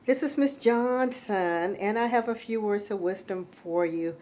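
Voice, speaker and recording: A woman teacher speaks earnestly to the seniors, full of gratitude. Her voice sits in a middle pitch. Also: a little slow. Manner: warm, earnest, grateful. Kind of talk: recorded graduation message.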